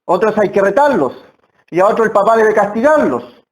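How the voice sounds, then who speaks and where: High-voiced Spanish-speaking preacher, slow and earnest. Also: male voice, animated. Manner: earnest, slow emphatic phrasing with repetitions. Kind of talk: sermon. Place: church hall.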